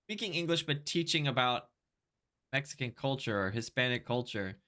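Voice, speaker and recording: Male podcast co-host, casual chat, mid-pitched voice, laughs a lot, restarts sentences. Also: animated, normal speed, sharp tone. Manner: chatty, laughs often, trails off and restarts. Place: living in Korea.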